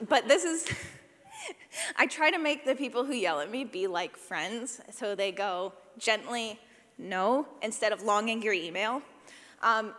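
A sound designer for audio fiction, a woman with a slightly high voice, delivers an informal conference talk and answers audience questions. She's lively and self-deprecating, cracking jokes and saying "like" a lot. The live recording comes from a big, reverberant room and has a hall-like echo.

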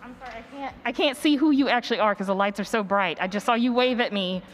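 On a stage at a live conference session, a woman with a higher-pitched voice talks fast, chatting casually and playfully with the audience before presenting her workshop. Soft music plays behind her, and the recording carries noticeable background noise and live event ambience.

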